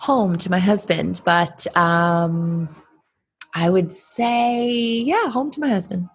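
A woman's voice: on the low side, slow, vocal fry, slightly rough. A woman from Connecticut, a guest on a casual podcast, confident and matter-of-fact with dry humor.

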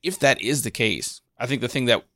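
A man's voice: medium pitch, a little fast, a bit bright, no echo, clean studio sound. A man co-hosting a casual podcast, musing and thinking aloud. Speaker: podcast co-host. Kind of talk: casual chat.

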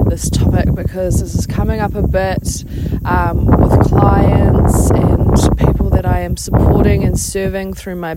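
A woman giving casual, encouraging motivational talk as a podcast host, pausing often as she finds her words. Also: mid-range voice. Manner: informal, encouraging, hesitant with pauses. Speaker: podcast host, life coach. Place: outdoors. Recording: outdoors with clear background insect noise.

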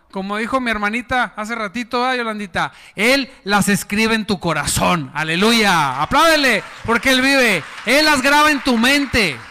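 A man preaching a lively evangelical sermon, emphatic with joking asides. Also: very high voice, smooth. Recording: echoey church hall.

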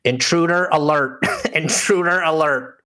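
A game master putting on an automated building alarm voice that repeats flat system announcements. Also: medium pitch, measured pace.

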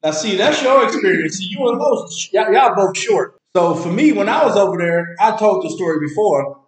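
A man's voice: high voice, expressive, normal speed. A man telling loose, profane stories in a casual chat, acting out quotes between laughs. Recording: roomy, echoey room.

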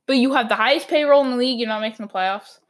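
A woman hosts her own sports talk podcast and rants her opinions in frustration. Her voice sits a little high and is going hoarse from talking too long. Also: racing.

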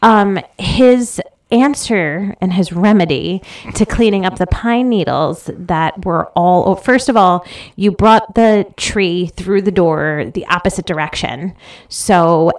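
A woman's voice: on the low side, slow pace. A woman in her thirties co-hosting a podcast in casual chat, rambling and teasing. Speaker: podcast co-host.

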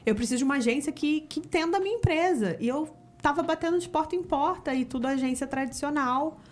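A woman's voice: sits high, fast, a little mellow. A woman from Rio de Janeiro with a Carioca accent, talking reflectively as a podcast guest in a casual interview. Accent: Carioca Portuguese. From Rio de Janeiro, Brazil. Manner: reflective, talks about spirituality with many fillers.

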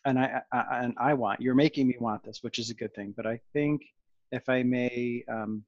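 A man's voice: medium pitch, fairly even intonation, moderate pace, no echo, muffled recording. A man hosting a podcast, talking in a playful, casual way that often restarts mid-sentence. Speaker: podcast host.

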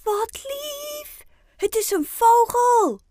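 A woman voicing a lively, easily amazed little girl in a children's audiobook, excited and impatient in how she speaks. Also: high voice, measured pace, dry recording, clean studio sound, voice pushed up. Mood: squealing.

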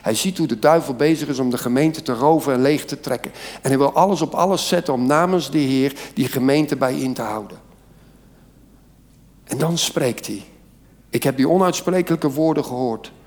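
A man's voice: mid-range voice, moderate pace, darkish tone. A man preaching a sermon as pastor, fervent and building emphasis as he explains scripture. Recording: long church hall reverb.

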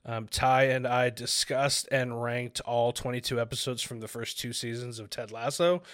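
A podcast host talks in a casual, chatty style with a mid-range, fairly bright voice, moderate pace and fairly even intonation. The recording is studio quality with no room sound.

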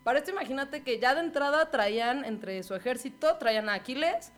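A woman's voice: high-pitched, a little fast, faint music behind. A young woman with a Mexican accent, co-hosting a podcast and retelling a myth in casual, slangy chat. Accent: Mexican Spanish. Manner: slangy, lively storytelling with impressions. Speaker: podcast co-host.

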